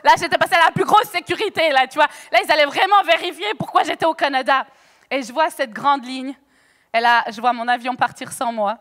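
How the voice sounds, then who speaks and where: On a stage microphone in a church hall, a woman preacher delivers a lively testimony sermon in a high-pitched voice at a brisk pace. She is chatty and animated, acting out dialogue with bursts of laughter, and the hall gives the recording a long echo.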